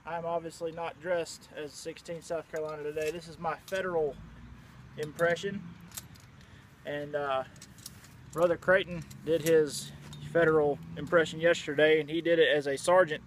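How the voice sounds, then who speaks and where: A man, a Civil War reenactor, chatting casually to the camera outdoors about his uniform gear, relaxed and full of fillers. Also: on the high side, normal speed, a little hiss or hum. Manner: relaxed and conversational, frequent "uh" fillers. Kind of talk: casual show-and-tell to camera.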